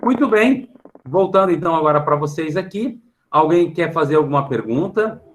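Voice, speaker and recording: Over a computer mic on a video call, a Brazilian man with a fairly high, expressive voice teaches middle schoolers online, his Brazilian Portuguese accent clear. He explains patiently, checks in nearly phrase by phrase, and fills pauses with a questioning tag. The audio is poor, with a little hiss or hum.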